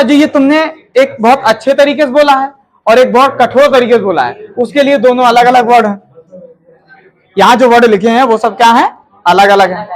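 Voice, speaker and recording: A man with a very high voice teaches grammar in a relaxed classroom manner. He keeps checking in with his listeners through quick rhetorical questions. Now and then he acts out example lines in different tones to show how they come across.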